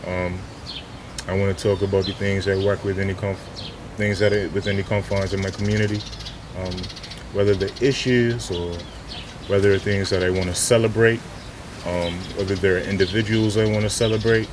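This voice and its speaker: A man's voice: deep voice, level tone, moderate pace. A man from Bermuda giving considered answers in an interview. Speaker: artist being interviewed. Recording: clear outdoor nature noise.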